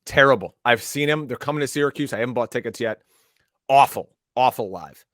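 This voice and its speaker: A man co-hosting a podcast who tells animated, emphatic stories in casual chat. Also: mid-range voice, fast talker, dry recording, clean studio sound. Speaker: podcast co-host.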